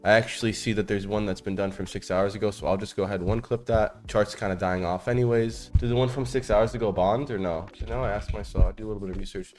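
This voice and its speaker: A man's voice: lowish voice, fairly even intonation, quick pace, hardly any pauses, a little mellow, soft background music. A young man talking like a frat bro in casual livestream commentary, full of slang, swearing and hyped-up phrasing. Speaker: live-streaming crypto trader.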